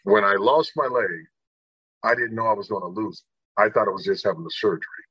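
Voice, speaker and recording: A middle-aged man from Indiana, appearing as an interview guest, earnestly tells his life story and acts out the people in it. His voice is lowish, slightly rough and a little fast, and the audio is dull with no room sound.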